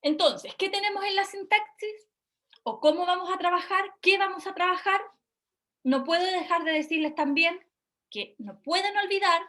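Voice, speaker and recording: A woman's voice: high voice, pushed and bright. A woman giving a recorded university lecture, explaining step by step and checking in with her students. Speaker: university lecturer in speech therapy.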